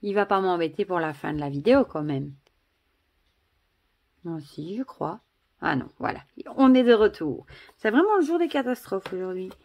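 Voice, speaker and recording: A woman's voice: on the low side, animated, normal speed, long pauses, darkish tone. A woman with a Belgian French accent in a casual vlog, chatty and gushing, full of exclamations and asides as she shows things to the camera. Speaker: vlogger.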